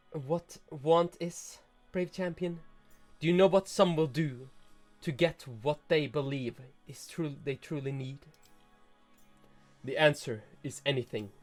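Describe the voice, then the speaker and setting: A man reading the lines of a proud, tragic snake-woman noble aloud in a measured, solemn way. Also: medium pitch, pitched below the performer's own voice, natural voice. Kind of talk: reading game dialogue aloud.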